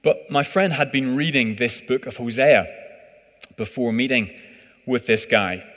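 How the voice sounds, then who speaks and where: A man's voice: medium pitch, a little slow, fairly bright tone. A man preaching a sermon in a conversational, hesitant way, full of fillers. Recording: reverberant hall.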